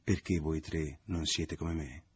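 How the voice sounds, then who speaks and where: A man's voice: extremely low pitch, fairly even intonation, a little slow, a little hiss or hum. A man voicing a smug, falsely good-natured man at a family dinner, in a triumphant, self-satisfied tone.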